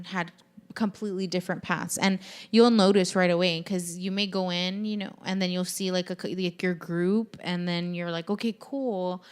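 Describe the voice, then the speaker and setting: A woman with a smooth, clear voice, sitting a little low in her register, chatting on her podcast. She tells things eagerly and loosely, piling on "like" and "you know" and cursing freely. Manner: animated, swears freely, many fillers. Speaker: podcast host. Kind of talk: casual podcast chat.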